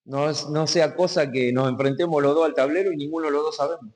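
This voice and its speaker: A man from Argentina with a Rioplatense accent, preaching a sermon to his congregation, asking them questions, and reading verses slowly with emphasis before explaining key words. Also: on the high side, fairly even intonation, a little mellow. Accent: Rioplatense Spanish. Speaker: pastor. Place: community hall. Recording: long hall reverb.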